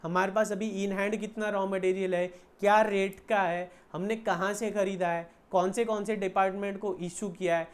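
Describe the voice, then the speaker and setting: A man's voice: high-pitched, level tone, smooth. Indian man teaching an accounts class. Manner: explains slowly in mixed Hindi and English, asks and answers own questions. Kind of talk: classroom lecture.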